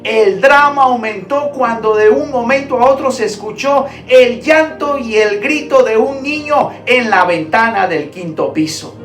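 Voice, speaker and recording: A woman preacher leads a devotional sermon, telling a story slowly and emphatically and repeating her key phrases. Her voice sits fairly high. The recording sounds roomy and distant, with soft music playing underneath. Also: animated. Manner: slow, emphatic, repetitive preaching.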